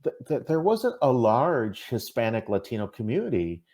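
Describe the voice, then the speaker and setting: With a Minnesotan accent, this podcast guest from Minnesota talks casually and hesitantly, full of fillers and false starts. His medium-pitched, darkish voice swings widely in pitch at a moderate pace during the casual interview.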